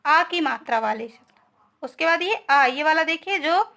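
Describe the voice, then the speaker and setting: Young woman teacher, high voice, explains things slow and step by step, keeps checking in. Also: animated, bright, forceful tone. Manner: explains step by step, often asks "है ना". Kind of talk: online grammar lesson.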